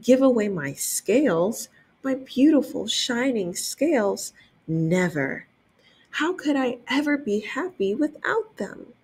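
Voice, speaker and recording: A woman's voice: a little high, big pitch swings, slow, a little mellow, slight background noise, voice pushed up. A woman voicing a proud, vain male fish in a storybook read-aloud, with haughty, indignant cries. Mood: anguished.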